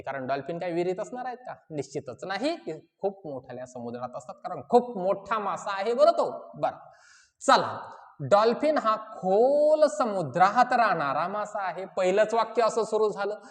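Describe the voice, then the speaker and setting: A woman teacher explaining a reading passage to children, asking them questions and answering them herself. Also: medium pitch. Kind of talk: exam-prep lesson for children. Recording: long hall reverb.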